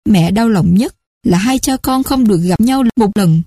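A woman's voice: medium pitch, animated, normal speed, warm tone, no echo, studio quality. A woman voicing a remorseful stepmother in her fifties, speaking tearfully and pleadingly in a told story.

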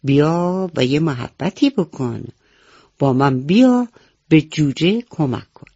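A woman voicing a kind long-tailed dog in a children's radio story, talking gently and pleading. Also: low-pitched, expressive, slightly rough, dry recording, lo-fi sound, heavily acted. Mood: coaxing.

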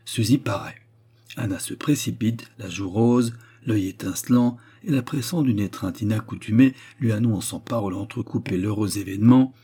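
Mellow, husky male audiobook narrator. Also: lowish voice. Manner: measured, storytelling. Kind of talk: scripted narration.

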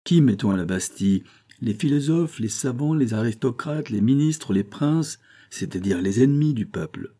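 A man's voice: mid-range voice, lively intonation, moderate pace, warm tone, voice pushed up, natural voice. A man reading the part of a haughty, suspicious prison governor who questions with disdain. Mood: scornful.

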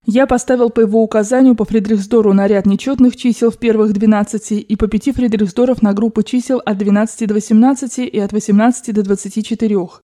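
A woman's voice: mid-range voice, dark tone. Woman narrating a classic novel. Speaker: audiobook narrator. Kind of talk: audiobook narration.

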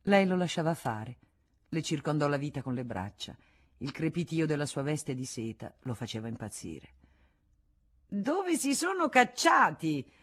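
Woman reading a novel aloud. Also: extremely low pitch. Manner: measured, expressive. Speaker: audiobook reader. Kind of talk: literary audiobook narration.

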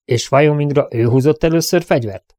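A man's voice: fairly high pitch, darkish tone, no echo, voice pushed up, natural voice. Commanding frontier sheriff, read by a man, firm and raised, dry close sound. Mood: stern. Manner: questioning, challenging a crowd.

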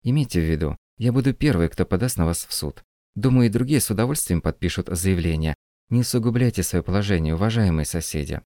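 A man's voice: low-pitched, no echo, clean studio sound. A man voicing a firm, composed young woman. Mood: stern. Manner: calm, measured, firm. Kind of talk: audiobook reading.

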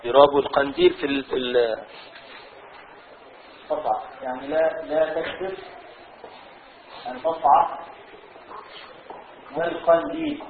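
A man with an Egyptian accent teaching a class on a classical law text. He reads a passage aloud, then explains it slowly with many repetitions. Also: medium pitch, fairly even intonation, a little hiss or hum. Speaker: religious teacher. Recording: tinny phone-like audio.

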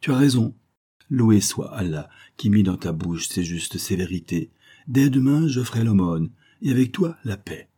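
A sly old preacher, calm and unhurried, with a low husky voice, as a narrator puts him on. His tone stays warm and mellow even when he is pressed. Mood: gentle. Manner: calm, sly, sometimes sighing. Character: crafty, mild old male Turkish preacher.

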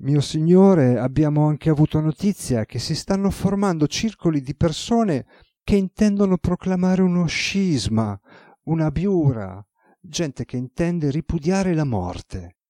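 Guy doing a stiff formal secretary, pitched up, bowing and scraping, mellow tone. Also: expressive, unhurried, dry recording, studio quality. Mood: dutiful. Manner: formal, reverent, report-like. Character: deferential formal male secretary.

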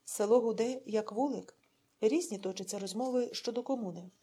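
A woman gives voice to an anxious, eager village man and war veteran, hurried and restless in his answers. Her tone is husky and warm, pitched a little high. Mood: earnest.

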